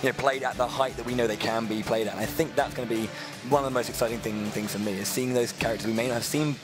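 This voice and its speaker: A British man giving conversational tournament analysis in a halting way, often repeating his words. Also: medium pitch, steady tone. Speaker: esports analyst. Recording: music playing behind the voice.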